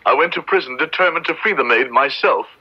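A man with a mid-range, husky, natural voice speaks fairly quickly as a stern and pious Puritan judge in a radio play. His oratory is formal, solemn and resolute, and the old radio recording sounds dull and band-limited.

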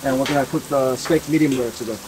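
A man's voice: medium pitch, steady tone, fast talker, background noise. A man in his thirties speaking as a teppanyaki chef, giving casual step-by-step cooking instructions while he works. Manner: step-by-step, explanatory teppanyaki chef talk while working at the griddle. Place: outdoor covered deck by water. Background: music, sizzling griddle, utensils stirring.

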